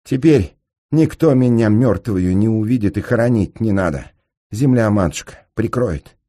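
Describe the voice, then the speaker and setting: A male reader voicing a fierce, death-obsessed young woman in a high, shrill voice, in an audiobook. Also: expressive, normal speed, mellow. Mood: defiant. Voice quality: high, shrill when pushed. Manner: defiant, fevered.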